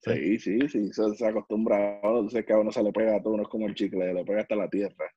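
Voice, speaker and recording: A man's voice: on the low side, fairly even intonation, fast, dark tone, breathy edge, no room sound, lo-fi sound, faint music behind. A man from Puerto Rico with a Puerto Rican Spanish accent, a podcast guest telling stories in a blunt, slangy way. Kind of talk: casual storytelling conversation.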